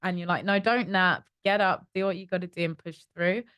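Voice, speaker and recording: A woman's voice: fairly low pitch, a little fast, smooth, no echo, clean studio sound. A young woman from East London with a London accent, telling stories in a casual interview as a company co-founder. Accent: London English. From East London, England. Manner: chatty, animated storytelling with acted-out inner voices. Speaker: startup co-founder, guest.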